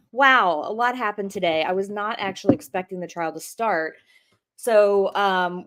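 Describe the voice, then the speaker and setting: Chatty woman hosting a crime stream. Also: lowish voice. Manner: chatty, rambling, with frequent ums and laughs. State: out of breath. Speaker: true crime commentator host. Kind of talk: casual live-stream commentary.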